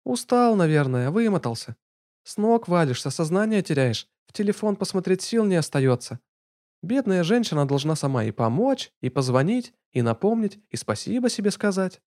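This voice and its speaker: A man putting on a sharp-tongued mocking young woman. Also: high-pitched, sing-song, moderate pace, voice pushed up.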